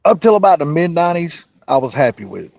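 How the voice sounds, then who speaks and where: A man's voice: on the high side, very animated, vocal fry, a little mellow, no echo, dull audio. A man, swearing freely in a casual live-stream chat. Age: 50s. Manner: salty, swears freely, drawn-out rambling.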